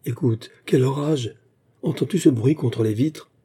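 Scared young woman, timid, pleading, raised voice, husky undertone, storybook reading, man doing it. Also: mid-range voice, a little slow, dark tone, voice pushed up.

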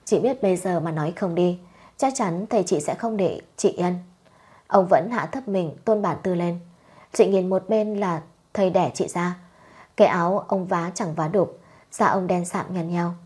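Husky woman reading a story. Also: fairly low pitch, a little mellow. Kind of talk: audiobook story narration.

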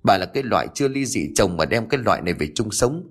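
A man voicing a rude, defiant young man who sneers and curses fast at his parents. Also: fairly low pitch, big pitch swings, breathy edge, heavily acted. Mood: defiant sneering.

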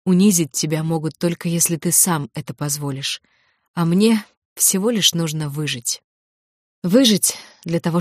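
A woman reading a first-person audiobook in a measured, tense storytelling manner. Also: lowish voice, no room sound, studio quality. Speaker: audiobook narrator.

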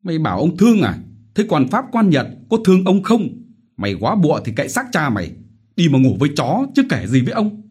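Brutal bullying village chief, shouting curses, high and loud, husky edge, voiced by a man, audiobook. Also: big pitch swings, normal speed. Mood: furious.

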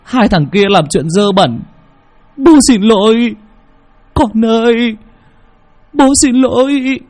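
A man's voice: very high-pitched, slow, darkish tone, pitched above the performer's own voice, full character voice. A man playing a guilt-ridden middle-aged father who pleads in anguish in a horror story. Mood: anguished pleading.

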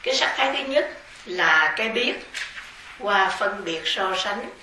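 A woman, a Buddhist nun, giving a measured, explanatory dharma lecture and carefully spelling out terms. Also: mid-range voice, lively intonation, sharp tone. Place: large temple hall. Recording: echoey hall, distant mic, faint hiss.

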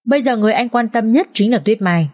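A woman's voice: fairly high pitch, fast. Woman narrating an emotional drama. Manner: expressive, emotional reading. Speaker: audiobook narrator.

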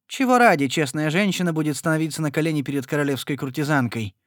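A man's voice: medium pitch, animated, normal speed, dry recording, close to an everyday voice. Brusque, impatient young country woman in a storybook, voiced by a male reader, somewhat raised, dry sound. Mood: stern. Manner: blunt, commanding.

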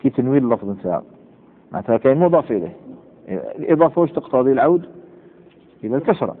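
A man's voice: mid-range voice, animated, rapid-fire. A male grammar teacher with an Algerian accent lectures a class, drilling the same examples again and again and firing questions at his students. The recording is thin and phone-like, and his voice rings out in a long hall echo. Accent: Algerian Arabic. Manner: repeats examples and quizzes students. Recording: tinny lo-fi with long hall reverb.

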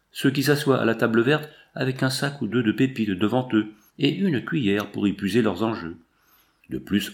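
A man narrating a novel aloud in a measured, literary storytelling manner. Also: on the low side, gravelly. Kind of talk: audiobook reading of a novel.

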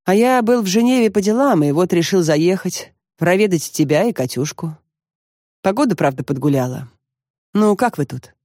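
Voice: mid-range voice, animated, moderate pace, darkish tone, no echo, clean studio sound, close to an everyday voice. An audiobook narrator voicing a troubled middle-aged man, talking in a brooding, confessional way.

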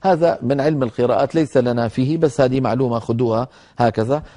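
A man teaching Quran recitation rules in a broadcast lesson. He explains in a measured way, slowly models recited words, and addresses the listeners directly as brothers. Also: mid-range voice, mellow.

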